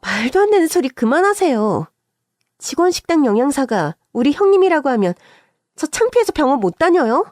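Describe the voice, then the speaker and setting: A woman's voice: sits high, very animated, brisk, darkish tone, no echo, clean studio sound, pitched above the performer's own voice. A woman voicing a snobbish, condescending young female doctor who scolds sharply, acted for a dramatized radio story. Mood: indignant scolding.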